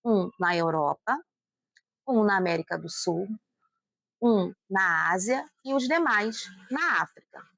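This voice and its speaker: Woman, Brazilian Portuguese accent, educational host, raised pitch, dry close sound. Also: dry recording. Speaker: channel host. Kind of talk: educational video explanation.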